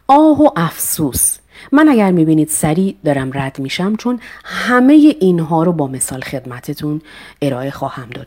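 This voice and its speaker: A woman teaching a poetry recitation lesson, reading verses slowly and expressively, then explaining them with polite, formal address. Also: deep voice, dark tone.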